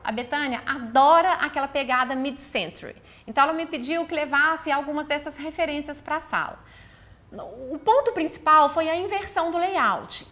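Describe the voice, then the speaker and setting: A woman with a high, bright voice and a Brazilian Portuguese accent casually walks viewers through her interior design project as its architect. She's chatty and sprinkles her speech with affectionate diminutives.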